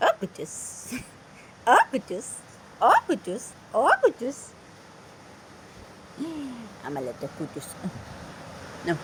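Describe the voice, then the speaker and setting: A woman's voice: big pitch swings, drawn-out words, pauses often, background noise. Cooing woman babying a kitten. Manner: cooing, sing-song, swinging from squeaky highs to soft murmurs. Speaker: pet owner vlogger. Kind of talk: baby talk to a kitten.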